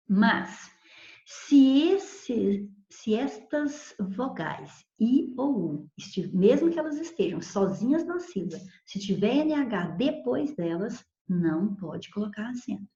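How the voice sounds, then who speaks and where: A woman teacher with a warm, mid-range voice patiently explains spelling rules in a recorded grammar lesson. She repeats examples and checks in with "ok?", heard through an echoey room and dull lo-fi sound.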